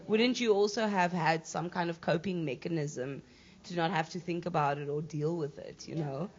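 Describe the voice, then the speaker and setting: Woman, thirties, lowish voice, candid, laughs after serious points, dull lo-fi sound. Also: moderate pace. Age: 30s. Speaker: panel guest artist. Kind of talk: panel discussion answer.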